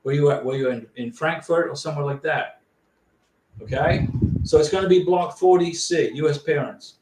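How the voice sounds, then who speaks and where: Fairly high-voiced man answering live questions. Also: moderate pace, a little mellow. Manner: reads viewer questions aloud then answers directly. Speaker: livestream host answering visa questions. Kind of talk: casual livestream Q&A. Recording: roomy, distant and noisy.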